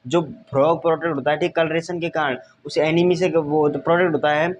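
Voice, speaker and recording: A man's voice: a little high, level tone, a little fast, slight background noise. A man teaching a science lesson, repeating points and often asking if students have understood. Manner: repetitive, addresses students as "beta", asks frequent checking questions. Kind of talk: classroom lecture with whiteboard.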